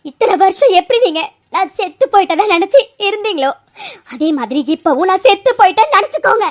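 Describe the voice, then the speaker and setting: Actor voicing a cartoon young woman, very high voice, bitter, tearful, breaking voice. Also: animated, fast. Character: hurt, angry young woman rejecting her family.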